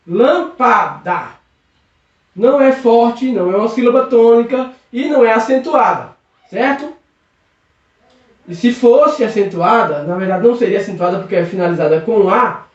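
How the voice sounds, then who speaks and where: A man teaching a recorded video lesson, patiently drawing out syllables and checking in with "okay?" again and again. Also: very high voice. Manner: patient, drawn-out stressing of syllables, constant check-ins. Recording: echoey room, distant muffled mic.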